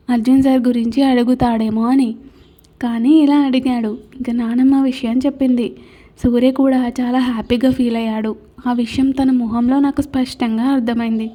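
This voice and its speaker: A woman's voice: a little high, mellow. A woman narrating her own romance audio novel in the first person, reading in an emotional storytelling manner. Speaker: writer and narrator.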